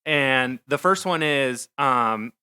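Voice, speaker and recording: A man's voice: mid-range voice, slow pace, bright, forceful tone, clear, resonant tone. A man hosting a podcast who asks questions in a casual, easily amused way. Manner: laughs easily, friendly questioner. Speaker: podcast host. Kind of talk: casual interview chat.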